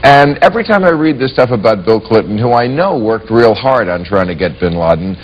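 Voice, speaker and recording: A man hosting a comic talk show, making wry jokes and quick asides to his panel. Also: mid-range voice, animated. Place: TV studio with live audience. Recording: dull lo-fi broadcast with faint audience and hiss.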